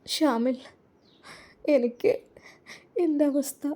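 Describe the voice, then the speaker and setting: A timid young bride on the edge of tears, her replies short and hesitant, pitched noticeably higher than the storyteller's own voice , as a woman puts her on with a Malappuram Malayalam accent. The voice is soft and quiet. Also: steady tone, drawn-out words. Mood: sad.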